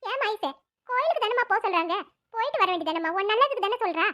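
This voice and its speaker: A woman voicing a stern, bossy old village grandmother in a cartoon, with a shrill scolding manner. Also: expressive, quick pace, bright, forceful tone, heavily acted. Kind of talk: cartoon voice acting.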